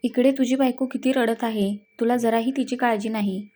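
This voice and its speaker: A woman's voice: fairly high pitch, steady tone, moderate pace, warm tone, lightly acted. A woman voicing a stern middle-aged mother-in-law who scolds her son, in a read-aloud story.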